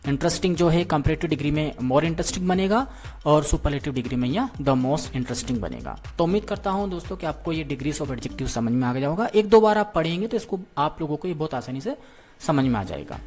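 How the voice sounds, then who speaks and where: A male teacher walks through a grammar lesson step by step, patient and repetitive, pausing often to check in with his students. He circles back to each key point before moving on. Soft music plays faintly under his voice. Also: on the high side, very animated. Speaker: English teacher.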